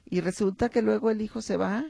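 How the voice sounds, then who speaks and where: A woman's voice: medium pitch, steady tone, brisk, creaky, no echo. A middle-aged woman with a Mexican accent, a psychologist hosting a reflective talk on motherhood, telling stories and acting out short quotes. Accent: Mexican Spanish. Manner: warm storytelling, acts out short quotes, addresses listeners.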